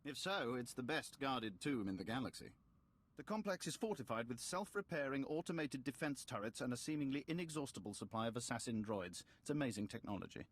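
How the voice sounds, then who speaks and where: An actor playing a formal, shrewd imperial military general in a video game, measured and self-assured. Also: male voice, medium pitch, lively intonation, natural voice. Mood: confident, explanatory. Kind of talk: scripted video game dialogue.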